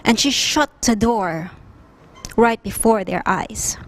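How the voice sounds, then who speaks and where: Slow, expressive woman storyteller. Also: mid-range voice. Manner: slow, animated, expressive reading. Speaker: children's storyteller. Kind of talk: storytelling for children.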